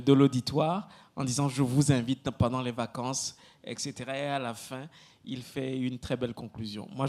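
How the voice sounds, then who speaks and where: A man on a jury giving a measured, explanatory critique of a contestant's speech. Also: fairly high pitch, a little mellow. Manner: measured, explanatory, repeats points. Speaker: jury member. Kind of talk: spoken critique of a performance.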